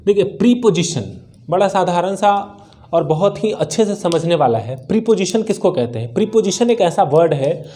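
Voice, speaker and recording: Indian accent वाला एक पुरुष अंग्रेज़ी शिक्षक, जो हिंदी में अंग्रेज़ी पढ़ाता है, बार-बार सवाल पूछकर ख़ुद जवाब देता है और मुख्य शब्द दोहराता है।. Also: male voice, high-pitched, expressive, normal speed, dark tone. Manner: asks questions and answers them himself, repeats key words. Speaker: English teacher. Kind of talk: spoken English lesson in Hindi.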